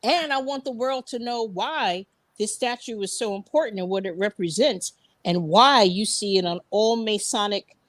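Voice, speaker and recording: A woman's voice: mid-range voice, moderate pace, no echo. A woman speaking as a panelist in a casual discussion, with an emphatic, plain-spoken way of talking.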